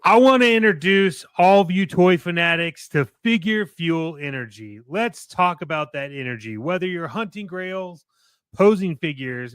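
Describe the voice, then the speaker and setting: A man with a fairly high, slightly bright, clear and resonant voice hosts a radio-style podcast, recorded close to the mic with no room sound. His manner is conversational and salesy, shifting between casual banter and upbeat sponsor reads.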